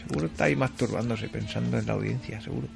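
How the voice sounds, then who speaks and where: Fast-talking gravelly man. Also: faint music behind. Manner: crude, joking, often mutters low. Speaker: radio show co-host. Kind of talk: casual banter on a radio show.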